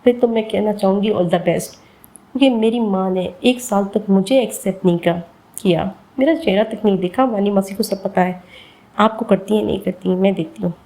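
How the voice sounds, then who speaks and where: A wounded young daughter in a storybook tale, blunt and protective of her mother, as a female narrator puts her on. Her tone is gravelly and mellow. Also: medium pitch, moderate pace, close to an everyday voice, low-quality recording. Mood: pleading. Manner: blunt, pressing questions.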